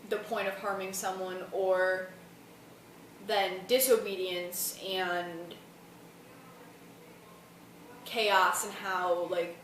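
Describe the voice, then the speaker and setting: A woman's voice: mid-range voice, flat delivery, takes it slowly, a bit bright. A young woman student rambling through a casual, colloquial explanation for a vlog, sounding tired. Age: young adult. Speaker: student vlogger. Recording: roomy, distant mic, faint noise.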